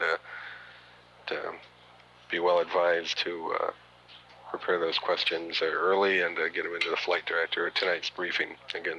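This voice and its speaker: Deep, flat-voiced man on mission control radio. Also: muffled recording. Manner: halting, hesitant delivery with frequent uhs and pauses; matter-of-fact, technical. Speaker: mission control announcer, public affairs commentator. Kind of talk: spaceflight status commentary, partly improvised. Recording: noisy archival 1980s radio feed.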